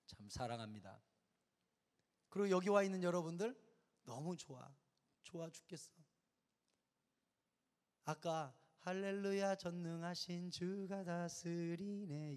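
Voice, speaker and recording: A high-voiced male pastor preaches to young people, firing questions and answering them himself. He drops to soft, close asides, then builds to loud, ringing peaks. The sound carries a long reverb from a big church hall. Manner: emphatic call-and-response preaching, swinging from soft to loud. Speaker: youth pastor. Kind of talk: sermon to a youth service.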